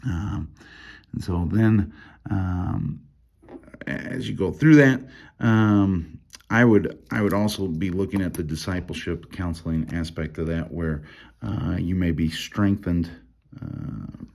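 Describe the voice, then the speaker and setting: A man with a low, deep voice and a gravelly edge walks through a Bible passage in a relaxed, unscripted way. He reads the verses aloud, then muses over them, pausing often and restarting his sentences as he thinks. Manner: reads scripture aloud between comments. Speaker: Bible study teacher. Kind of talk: casual Bible study walkthrough.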